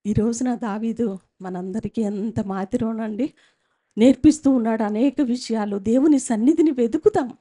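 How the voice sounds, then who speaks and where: High-voiced woman preaching emphatically. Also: moderate pace. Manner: emphatic, repetitive preaching with sudden loud rises. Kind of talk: sermon. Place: church service. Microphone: microphone.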